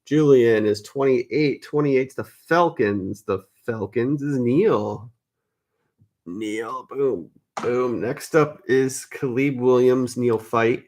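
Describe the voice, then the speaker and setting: A man's voice: mid-range voice, slow pace, darkish tone. A man hosting a live card break, chatting casually, calling viewers by name and fixing his own mix-ups.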